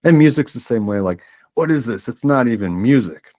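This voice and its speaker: A man, probably in his thirties, co-hosting a podcast, chatting in a relaxed, wry and reflective way. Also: medium pitch, brisk. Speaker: podcast co-host. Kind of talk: casual chat.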